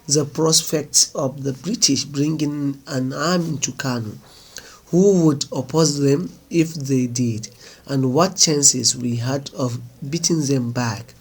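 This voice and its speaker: Slow-reading male storyteller. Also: medium pitch. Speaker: narrator.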